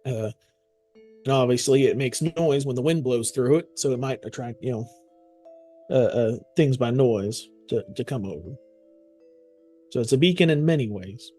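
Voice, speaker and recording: A man playing a tabletop role-playing game, describing and role-playing casually in a halting, thinking-aloud way. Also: medium pitch, warm tone, soft background music.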